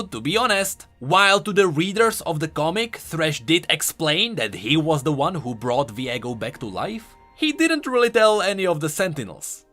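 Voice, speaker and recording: A man with a slightly high, somewhat bright voice hosts a video, delivering game lore commentary as an enthusiastic, conversational voice-over.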